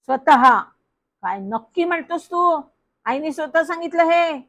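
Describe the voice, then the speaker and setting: A woman voicing a shrill, scolding middle-aged aunt who shrieks and accuses down the phone. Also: measured pace.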